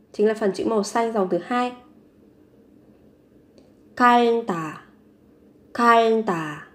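A woman teaching a vocabulary lesson, saying each word three times and then explaining it patiently. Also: medium pitch. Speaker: language teacher. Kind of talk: vocabulary lesson, repeating words slowly.

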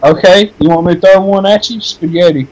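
A man's voice: sits high, a little fast, darkish tone, low-quality recording. A man co-playing a let's play, firing off crude, goofy running gags at his friend. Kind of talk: casual gaming banter.

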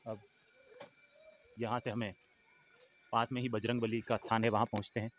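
A man narrating his travel vlog outdoors by a hill lake, talking in a soft, low-key way into a handheld phone. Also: level tone, normal speed. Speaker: travel vlogger. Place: outdoors at a lakeside in hills. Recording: lo-fi phone audio with outdoor noise.

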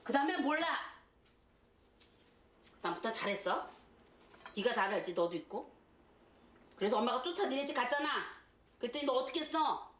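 A woman's voice: on the high side, lively intonation, a bit bright. Scolding older woman in echoey room. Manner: scolding, rapid complaining. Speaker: mother-in-law. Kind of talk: heated family argument. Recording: echoey room with faint noise.

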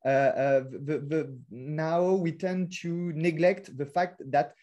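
A man with a French accent lectures over a video call, his voice sitting fairly high but mellow and soft-edged. He picks his way through non-native phrasing with frequent fillers and restarts, steady and academic in tone. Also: takes it slowly, highs cut off. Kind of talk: academic webinar talk.

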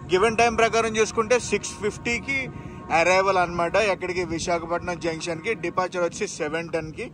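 A man narrating a casual train travel vlog, talking straight to his viewers and pointing out sights as he goes, recorded on a handheld phone. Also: fairly high pitch. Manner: chatty, addresses viewers directly, points things out. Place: on a train and station platforms, outdoors. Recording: train and station noise behind.

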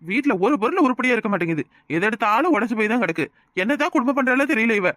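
A grumbling, fault-finding village husband from a cartoon, as a voice actor plays him, with a Tirunelveli Tamil accent. He complains in a mid-pitched voice. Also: lively intonation, rapid-fire, fairly bright tone, no echo, clean studio sound, close to an everyday voice.

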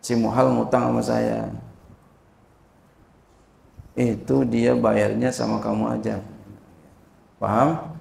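A man teaching an informal religious lesson, slowly explaining a classical text, checking understanding and chanting Arabic phrases. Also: level tone, creaky, darkish tone. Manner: slow and repetitive, frequent "ya" and "paham?" checks, chants Arabic phrases higher. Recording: echoey room.

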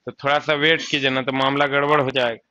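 A man's voice: mid-range voice, level tone, fast, sharp tone, lo-fi sound. A man with a Bihari accent teaching a coaching class, chatty, often asking the students questions and answering them himself. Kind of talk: classroom lecture.

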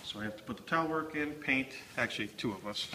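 Matter-of-fact contractor in an echoey room. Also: male voice, mid-range voice, fast talker, noisy background. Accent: Chicago. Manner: plain, matter-of-fact, with many fillers. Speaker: remodeling contractor. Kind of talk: casual walkthrough narration. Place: large unfinished factory bathroom. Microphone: handheld phone camera.

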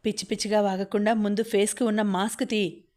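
A woman voicing a feisty, sharp-tongued rich young woman who scorns and threatens, in a storybook reading. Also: medium pitch, little pitch movement, brisk, natural voice. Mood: scornful.

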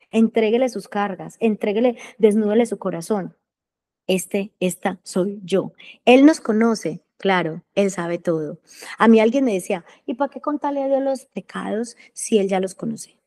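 Earnest woman preacher with a mellow voice. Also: on the high side, normal speed. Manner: earnest, acts out prayers in a hushed voice. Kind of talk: sermon.

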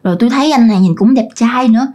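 A woman's voice: fairly high pitch, rapid-fire, mellow, natural voice. Woman voicing a young ghost girl. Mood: plaintive.

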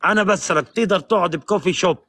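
A high, bright-voiced man argues at a rapid clip. He keeps hammering one challenge and talks over his opponent in a heated live-stream debate. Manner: insistent, repeats challenges, talks over the other.

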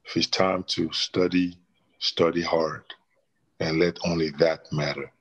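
Sitting in a small, plain room, a middle-aged man from the DR Congo, formerly a basketball player and now a painter, thinks through his interview answers and restarts often. His deep voice keeps a level tone at a measured pace, and the recording is muffled.

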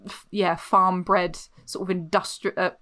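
A woman's voice: on the low side, level tone, measured pace, sharp tone. A woman talking casually about film as a podcast guest.

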